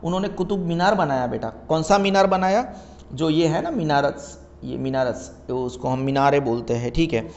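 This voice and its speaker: A man's voice: fairly high pitch, darkish tone. A young adult man teaching a classroom lecture in mixed Hindi and English, chatty and repeating his questions to the students. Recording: echoey room, dull lo-fi sound.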